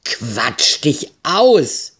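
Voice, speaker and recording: A man voicing a gruff, hot-tempered male pirate captain who barks loud orders. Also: mid-range voice, animated, takes it slowly. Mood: furious.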